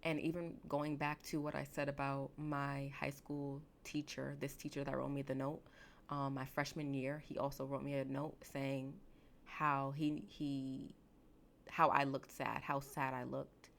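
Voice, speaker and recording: A woman in her late twenties, a therapist hosting her podcast, reflecting slowly and emotionally with halting restarts. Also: extremely low pitch, flat delivery, vocal fry, a little hiss or hum. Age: late 20s. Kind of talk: reflective solo podcast talk.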